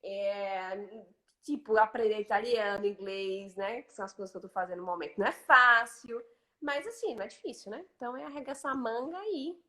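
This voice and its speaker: A woman's voice: on the high side, a little fast, sharp tone. A Brazilian woman hosting a casual live chat, talking emphatically and eagerly repeating her agreement. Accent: Brazilian Portuguese. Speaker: host.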